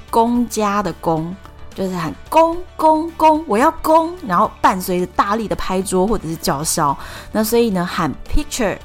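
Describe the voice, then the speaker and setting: A woman with a fairly low pitch and a Taiwanese Mandarin accent hosts a storytelling podcast. Her explanations are conversational, and she drags out her sentence particles.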